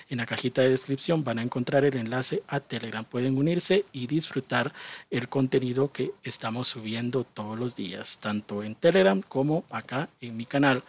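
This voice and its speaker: A man's voice: medium pitch, darkish tone. A young man casually commenting on a reality show and asking his viewers for their opinions.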